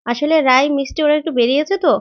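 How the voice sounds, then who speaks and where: A woman's voice: high voice, fairly even intonation, racing, lightly acted. A woman voicing a middle-aged mother who gives firm, dismissive replies. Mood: explaining. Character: middle-aged mother, patient but irritated. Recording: dull, lo-fi recording.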